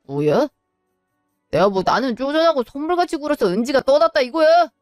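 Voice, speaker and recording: A woman voicing a bitter, hot-tempered divorced adult son who shouts resentfully. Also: sits high, sing-song, brisk, no room sound, clean studio sound, faint music behind. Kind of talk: Korean web drama voice acting.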